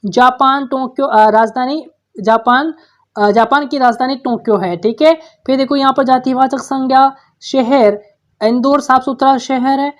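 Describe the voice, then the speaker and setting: A woman teacher goes through workbook answers for schoolchildren. Her voice sits a little high, and she keeps posing a question and then answering it herself in a patient, steady way. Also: measured pace. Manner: patient, repeats questions back to pupils. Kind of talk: workbook solution lesson.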